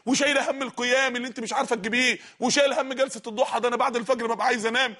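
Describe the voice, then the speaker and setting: A male preacher with an Egyptian Arabic accent delivers a fervent sermon at a breakneck pace. His voice sits very high and sounds bright and forceful, and he rises into shouts as he exhorts the congregation. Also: fairly even intonation. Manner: fervent, fast, sometimes shouting. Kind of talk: impassioned sermon.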